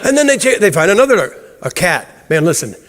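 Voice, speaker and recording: A man's voice: sits high, very animated, fast talker, fairly bright tone. A man preaching a sermon in a church, blunt and emphatic, chuckling through his stories. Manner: humorous, chuckles through anecdotes. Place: church sanctuary. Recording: long hall reverb.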